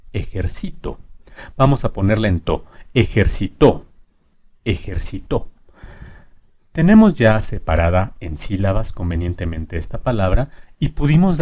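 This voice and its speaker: A man's voice: on the low side, a little mellow. A man teaching a lesson, stressing syllables emphatically and drawing out example words. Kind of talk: explanatory lesson.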